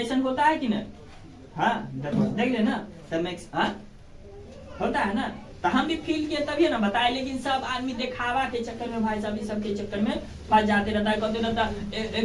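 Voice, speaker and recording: This school history teacher has a fairly high voice and a Bihari accent, and she's captured on a distant mic in a very echoey room. Her informal classroom lesson is colloquial, pushing pupils along with rhetorical questions and frequent tag questions to make sure they understand.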